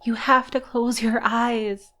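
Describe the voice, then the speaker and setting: A woman voicing a frail, frightened old woman who speaks in a weak, croaking voice and pleads with remorse. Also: mid-range voice, fairly even intonation, normal speed, soft background music, natural voice. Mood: urgent pleading.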